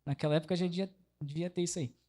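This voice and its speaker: A man's voice: fairly high pitch, steady tone, racing, mellow. A man with a Brazilian Portuguese accent preaching a conversational sermon, often asking the congregation questions. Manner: chatty, asks the congregation questions, many tag questions.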